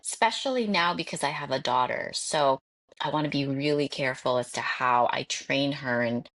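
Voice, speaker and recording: A woman's voice: very deep voice, moderate pace, fairly bright tone. A woman hosting a podcast interview, affirming her guest with frequent murmurs of agreement. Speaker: podcast host. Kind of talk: interview talk.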